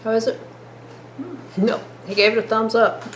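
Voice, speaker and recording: A woman's voice: fairly high pitch, level tone, normal speed, roomy sound, a little hiss or hum. A woman chatting to viewers in a homey way as she cooks in her home kitchen. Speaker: cooking vlogger. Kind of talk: casual cooking vlog.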